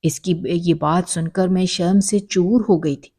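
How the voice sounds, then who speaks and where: A woman's voice: on the low side, steady tone, dark tone. A woman telling a dramatic first-person story in an emotional narrating style.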